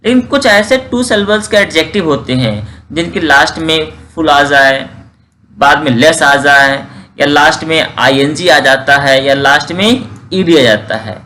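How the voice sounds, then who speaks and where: Male teacher, lesson delivery, high and bright tone, slow drilled examples. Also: a little hiss or hum. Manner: drills word forms slowly, asks and answers own questions. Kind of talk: grammar lesson.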